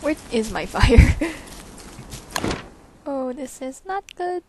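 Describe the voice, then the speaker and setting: A woman's voice: high-pitched, very animated, slow, noisy background. A woman giving casual gameplay commentary at home, talking to herself with bemused exclamations. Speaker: let's play gamer. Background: loud game music.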